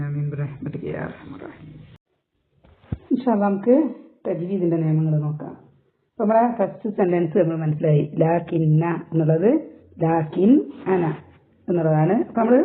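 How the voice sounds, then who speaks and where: Guy teaching quran recitation, high voice, goes slow and stretches the arabic, tinny phone-line sound. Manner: explains step by step, slowly stretching out Arabic recitation. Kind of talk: Quran recitation and tajweed lesson.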